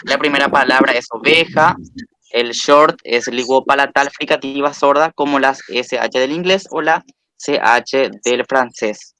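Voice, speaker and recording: A man's voice: mid-range voice, unhurried, sharp tone, slight background noise. A man teaching a recorded language lesson, patiently spelling out sounds and repeating example words.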